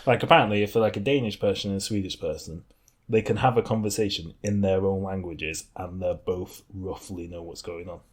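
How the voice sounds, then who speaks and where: A man chatting as a podcast co-host, his voice a little husky and sitting on the low side. He rambles through guesses and asides in a relaxed, joking way. His talk is loose and full of laughter. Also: fairly quick. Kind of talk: casual chat.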